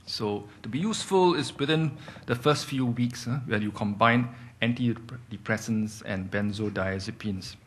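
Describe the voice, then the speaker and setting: A man's voice: on the low side, a little slow, slight background noise. A middle-aged man, a psychiatrist giving a lecture to doctors, explaining as he goes, asking and answering his own questions and checking in with "okay?". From Singapore. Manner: explanatory, repeats key points with rhetorical questions and "okay?". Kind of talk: clinical lecture.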